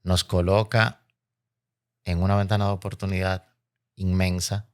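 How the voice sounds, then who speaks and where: A man's voice: deep voice, little pitch movement, measured pace. A man with a Dominican Caribbean Spanish accent, explaining as an interview guest in an emphatic, oratorical way, repeating phrases for effect. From Dominican Republic. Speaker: interview guest, logistics expert.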